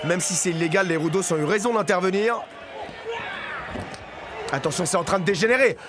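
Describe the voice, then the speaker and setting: A man's voice: high voice, fairly quick, noisy background. A man co-commentating as a lucha libre announcer, enthusiastic and good-humored, explaining in a conversational way. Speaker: wrestling co-commentator.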